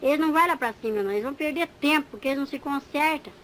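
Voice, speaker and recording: A woman's voice: sits high, very fast, fairly bright tone, slight background noise, rough recording. A woman playing a gloating male devil who is the boss of demons, mocking and taunting as she tells her story.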